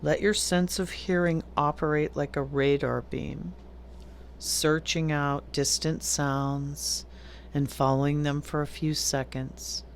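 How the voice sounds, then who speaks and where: A woman teaching yoga nidra, giving calm, deliberate guided meditation instructions with long pauses between phrases. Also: low voice, slight background noise.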